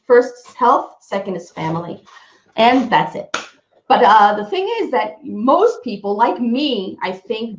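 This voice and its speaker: A woman's voice: medium pitch, slight background noise. Earnest woman presenter, roomy lo-fi sound. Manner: earnest, self-interrupting storytelling with frequent restarts. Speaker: webinar presenter. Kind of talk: personal story and health talk.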